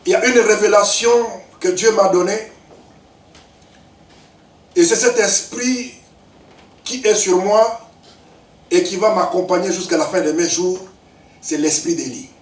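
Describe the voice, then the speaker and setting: A man in his fifties preaching a sermon, swinging between loud shouts and low, emphatic asides. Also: a little slow, long pauses. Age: 50s. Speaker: pastor. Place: church. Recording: echoey church hall, mic at a distance.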